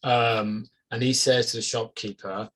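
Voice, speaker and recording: A man's voice: medium pitch, fairly even intonation, a little slow, a bit bright. A middle-aged man, hosting a casual interview, chatty and jokey with anecdotes. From Wales. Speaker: podcast host.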